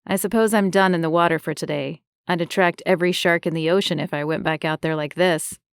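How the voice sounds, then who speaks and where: A lady reading as an easygoing charming guy, teasing, low-ish, dry sound. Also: fairly even intonation, a little fast, smooth, no echo, natural voice. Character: charming young man, playful, injured.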